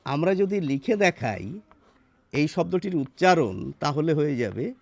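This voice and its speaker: A man giving a friendly explanatory lesson, reciting rhyme lines slowly and often asking his viewers questions. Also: a little high, big pitch swings, vocal fry, no echo. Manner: asks rhetorical questions to viewers. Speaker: teacher.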